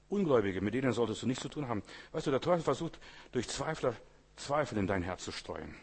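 Husky-voiced man preaching, talking straight to the congregation, repeating his urging lines with rising force. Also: medium pitch. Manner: conversational, keeps asking the audience "weißt du"; repetitive exhortation, rising loud on key phrases. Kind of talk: sermon.

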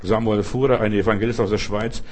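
Guy preaching, husky voice, chatty and folksy, keeps going "verstehst du". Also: lowish voice, fairly quick. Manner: lively, folksy, asks "verstehst du?". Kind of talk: sermon.

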